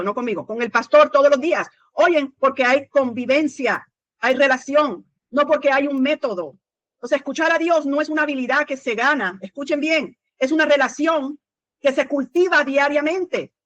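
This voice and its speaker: High-voiced woman preaching a sermon. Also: fairly bright tone, dry recording. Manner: frequent "amén" and rhetorical questions to the congregation; earnest teaching tone with small restarts.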